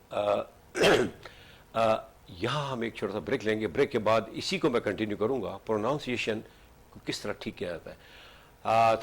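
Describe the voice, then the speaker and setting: A man from Pakistan hosting a studio talk show, asking questions and mixing English phrases into his talk. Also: medium pitch. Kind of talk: studio interview.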